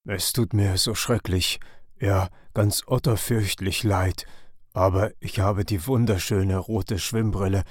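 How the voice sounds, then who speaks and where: A man's voice: sits low, fairly even intonation, slow pace, no echo, clean studio sound. A man voicing a good-natured, clumsy otter in a children's audio story, hesitant and sheepish.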